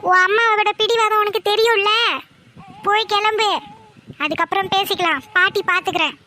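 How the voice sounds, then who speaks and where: A woman's voice: extremely high pitch, fairly even intonation, moderate pace, bright, forceful tone, a little hiss or hum, rough recording. A woman voicing a doting but stubborn old grandmother who coaxes and schemes, in a cartoon. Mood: coaxing. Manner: coaxing and insistent. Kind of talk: cartoon voice acting.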